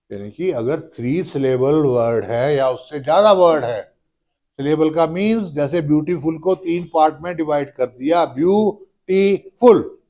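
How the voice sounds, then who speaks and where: A man teaching a grammar lesson, dictating rules slowly and stretching out each word. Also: fairly high pitch, a little mellow. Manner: slow, drawn-out word-by-word dictation, addresses students as beta.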